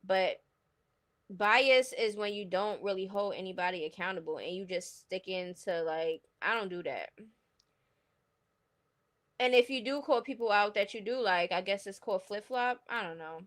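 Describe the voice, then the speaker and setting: At a normal speed and medium pitch, a livestream host from New York City gossips casually in her New York accent. Her commentary is blunt, opinionated and packed with slang.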